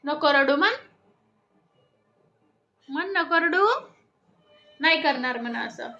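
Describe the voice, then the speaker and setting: A woman's voice: sits high, lively intonation, takes it slowly, bright, forceful tone, lo-fi sound, soft background music. A young woman vlogging at home on a phone, chatting to viewers and coaxing a toddler in a sing-song way. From Sakoli, Maharashtra. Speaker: family vlogger. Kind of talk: casual home vlog. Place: family home indoors.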